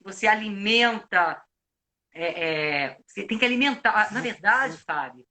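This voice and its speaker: In an unhurried, expressive way, a Brazilian actor and coach gives advice on a live video chat, explaining at length and reflectively with many restarts. His Brazilian Portuguese-accented voice sits high and sounds pushed and bright.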